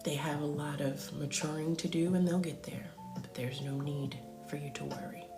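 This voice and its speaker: A woman's voice: low-pitched, steady tone, moderate pace. A woman doing a live spiritual reading for viewers, soothing and affirming, often half-whispering and calling them pet names. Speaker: spiritual reader on a live stream. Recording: echoey room with music behind.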